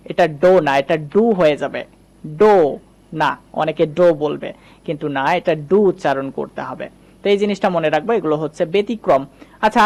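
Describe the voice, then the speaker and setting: Male online reading teacher, fairly high voice, patient, drills each word twice. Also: darkish tone. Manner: patient, repeats each example word and rule; asks rhetorical questions and answers them. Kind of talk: online pronunciation lesson.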